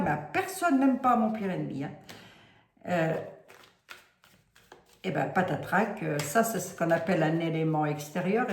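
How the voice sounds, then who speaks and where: A woman's voice: lowish voice, a little hiss or hum. A woman from Lorraine with a Lorraine accent, a psychic vlogger talking casually and rambling to her viewers with many asides. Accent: Lorraine French. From Lorraine, France. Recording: roomy echo.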